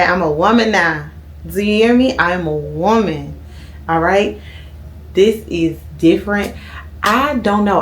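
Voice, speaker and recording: A woman's voice: on the low side, slight background noise. Chatty thirty-year-old woman. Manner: chatty, often adds "okay?" to her lines. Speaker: vlogger. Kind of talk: casual sit-down chat to camera.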